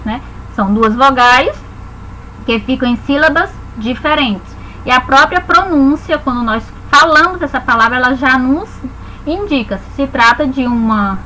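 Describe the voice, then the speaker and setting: A woman's voice: sits high, bright, forceful tone, a little hiss or hum, low-quality recording. A Brazilian woman teaching a grammar lesson, explaining patiently and spelling words out syllable by syllable.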